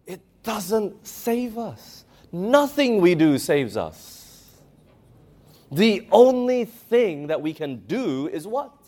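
A man's voice: sits high, sing-song, slow, dark tone. A man preaching a sermon, emphatic, asking the audience questions and reading scripture aloud.

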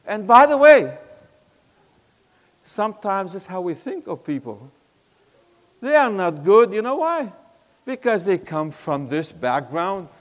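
A man in his sixties from Syria with a Syrian Arabic accent, preaching a storytelling sermon that swings between loud emphasis and a soft hush. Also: high-pitched, long reverb tail. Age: 60s.

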